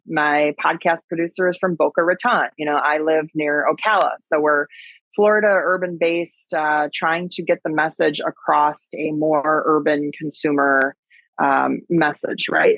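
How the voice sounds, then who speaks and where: A woman with a low, gravelly, slightly bright voice chats casually as an interview guest, her Wisconsin accent clear. She's a podcast guest from Wisconsin, USA, who advocates for agriculture and gives talks. The lo-fi recording has no room sound.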